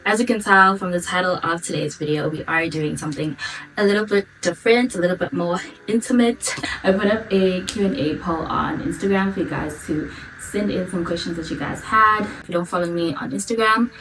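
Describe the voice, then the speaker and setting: A woman's voice: fairly low pitch, brisk, a bit bright, slight background noise. A 28-year-old South African woman from Durban chatting informally to her viewers in a casual question-and-answer vlog. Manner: chatty, informal, girl-talk address to viewers. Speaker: vlogger. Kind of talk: casual Q&A chat to camera. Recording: distant mic, background music.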